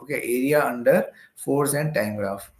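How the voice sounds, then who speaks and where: With a roomy echo around him, an Indian-accented physics teacher walks through exam-prep problems step by step, frequently repeating himself and checking in with "okay." He speaks at a normal speed in a mid-range voice.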